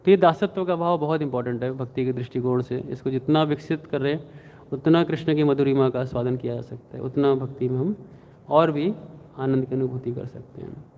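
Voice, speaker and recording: A man's voice: a little fast, a little hiss or hum. A man giving a devotional scripture class, telling stories and acting out the quotes with animation. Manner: animated, acts out quotes with rising pitch. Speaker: devotional lecturer. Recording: tinny phone-like sound.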